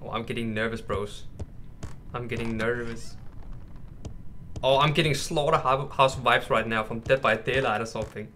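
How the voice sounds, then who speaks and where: This time the YouTuber's voice is mid-pitched, steady and sharp, moving at normal speed but broken by long pauses. He's still nervous as he talks viewers through the horror game, calling them bros and mate over clear background noise and game ambience.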